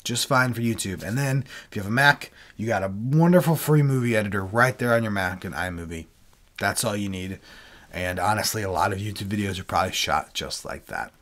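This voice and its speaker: Feeling under the weather, this male livestream host speaks lower than normal and fairly quickly into a desk microphone on webcam video. A video creator and worship leader, he keeps the how-to talk easygoing and chatty, walking through each step.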